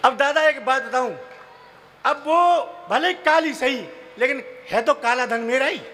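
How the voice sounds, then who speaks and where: A man performing comic poetry at a live stage event. His voice sits very high and rings bright and forceful. He tells the story in a lively way, drawing out his verse lines in a slow chant, and faint room noise carries behind him. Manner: storytelling with acted quotes and drawn-out chanted verse. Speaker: comic poet.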